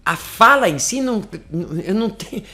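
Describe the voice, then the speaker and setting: A man teaching an online class, speaking close to the mic in a playful, lively way that often drops to a soft, intimate voice. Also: very high voice, moderate pace. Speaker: English teacher. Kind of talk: online lesson talk. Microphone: close to the microphone.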